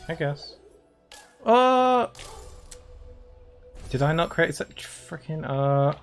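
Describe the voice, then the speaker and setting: A man's voice: fairly high pitch, lively intonation, extremely slow, faint music behind. A man casually chatting on a live stream as he plays a game, reacting aloud to what happens on screen. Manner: reacts aloud to gameplay with exclamations.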